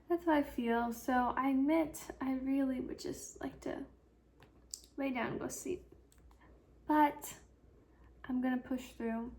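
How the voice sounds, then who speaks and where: A sleepy woman hosts her own casual podcast, yawning through a rambling, filler-heavy chat. Her voice sits high and she talks slowly, drifting from thought to thought. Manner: chatty, rambling, self-talk with fillers. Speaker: podcast host.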